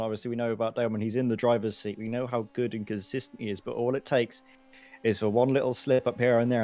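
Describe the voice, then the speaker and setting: A man's voice: mid-range voice, darkish tone. A man giving conversational, explanatory analysis as a motorsport co-commentator on sim racing. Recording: clear engine noise behind the voice. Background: race car engines.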